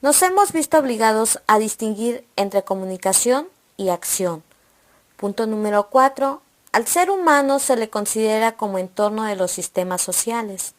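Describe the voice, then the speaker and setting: A woman narrates a scripted lesson in a slightly high voice. She reads steadily and works through numbered points one after another. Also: moderate pace. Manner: steady, read-aloud delivery listing points. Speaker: presenter of an educational video.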